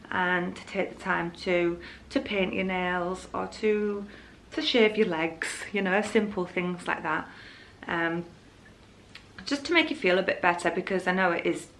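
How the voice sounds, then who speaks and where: Here the Hull-born vlogger's voice is fairly low-pitched and fairly bright, with a little hiss or hum in the background. In her Yorkshire accent, the young woman rambles candidly and casually to the people watching her vlog.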